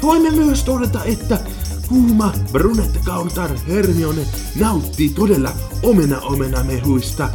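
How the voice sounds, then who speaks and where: A voice reading a spoof radio advert in a sing-song, drawn-out way. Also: mid-range voice, lively intonation. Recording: voice over loud background music.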